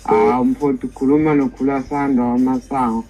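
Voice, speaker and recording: Male caller, Zulu accent, casual fan chat, medium pitch, phone call with clear music behind. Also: steady tone, fairly quick, mellow. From South Africa. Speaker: fan calling in.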